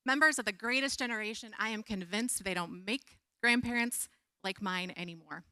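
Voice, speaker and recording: A woman's voice: mid-range voice, normal speed, sharp tone, no echo, studio quality. A woman speaker on a conference stage telling a heartfelt personal story with a light touch.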